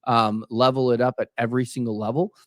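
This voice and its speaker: A man in his late thirties, co-hosting a podcast in casual chat, animated and stumbling over repeated words as he talks. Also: medium pitch, fast talker, dry recording, clean studio sound. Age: 30s. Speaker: podcast co-host.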